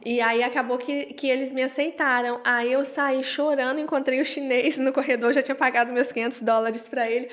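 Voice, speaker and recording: Animated Brazilian woman telling her story. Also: fairly quick, few pauses. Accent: Brazilian Portuguese. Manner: animated, acts out quoted voices with jumps in pitch. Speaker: interview guest. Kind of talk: personal storytelling in conversation.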